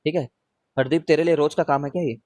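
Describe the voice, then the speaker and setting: A male teacher runs a relaxed live revision class, his voice sitting a little higher than most men's. He talks in a loose, chatty way, keeps checking that his students follow, and takes up their questions one by one. The sound is dry and close, with no room echo. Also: quick pace. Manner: answers questions read out from students.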